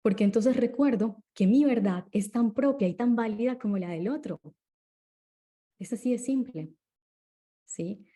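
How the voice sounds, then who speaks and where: Woman, interview guest, warm mellow tone, calm explanatory delivery, frequent check-in questions. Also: on the high side, a little slow, long pauses.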